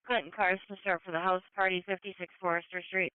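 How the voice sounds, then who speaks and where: Female emergency dispatcher, very crisp and procedural, heard through a narrow, dry radio scanner channel. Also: on the low side, level tone, quick pace, no echo. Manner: procedural, reading out addresses and calls. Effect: two-way radio transmission.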